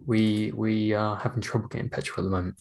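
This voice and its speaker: A man's voice: on the low side, flat delivery, quick pace, gravelly, darkish tone. A British man chatting casually as a podcast co-host. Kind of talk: casual chat.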